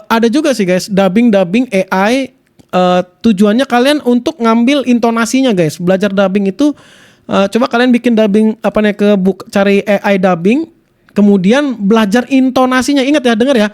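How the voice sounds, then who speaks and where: Young male streamer, high voice, slangy rambling tutorial host. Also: a little fast, darkish tone. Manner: slangy, rambling, reads chat questions aloud. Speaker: streamer teaching video clipping. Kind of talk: casual live tutorial chat.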